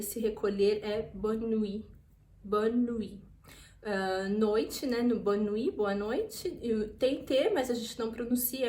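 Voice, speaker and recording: A young woman with a São Paulo Brazilian Portuguese accent, vlogging a casual lesson and slowing down to model each word. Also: mid-range voice, darkish tone, slight background noise. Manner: chatty, slows down to model words. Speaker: vlogger teaching French pronunciation. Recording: echoey room.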